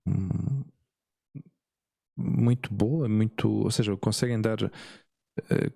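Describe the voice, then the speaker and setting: A man's voice: fairly low pitch, drawn-out words, gravelly, mellow, dry recording, studio quality. A man with a European Portuguese accent hosting a podcast, thinking aloud with hesitant restarts and frequent tag questions. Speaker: podcast host. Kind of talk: casual interview conversation.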